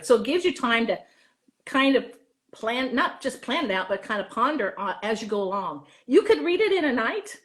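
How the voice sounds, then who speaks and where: A chatty, high-voiced woman is being interviewed. She writes books and teaches drama, keeps the conversation lively and informal, and acts out the lines she quotes.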